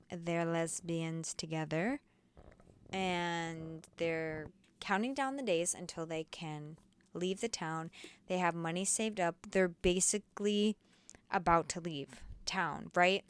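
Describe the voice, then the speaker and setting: An excitable woman reviewing books in a chatty vlog. Her voice sits fairly low but jumps sharply up and down as she gushes. It is smooth and clear, and the sound is close and dry with no room echo. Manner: animated and slangy, with big swings in pitch and loudness. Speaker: book reviewer. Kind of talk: casual book review vlog.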